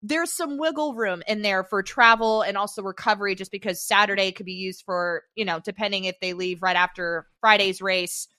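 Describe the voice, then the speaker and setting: Upbeat woman, bright dry voice. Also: medium pitch, steady tone, brisk, hardly any pauses, dry recording. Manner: chatty, upbeat, says "I feel like". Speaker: podcast co-host, running analyst. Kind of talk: casual sports podcast analysis.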